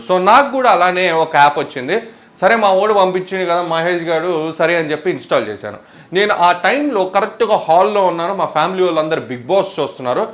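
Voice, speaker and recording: A young man, hosting a casual tech vlog in a chatty, animated way and mixing in English words. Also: a little high. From India. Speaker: tech YouTuber.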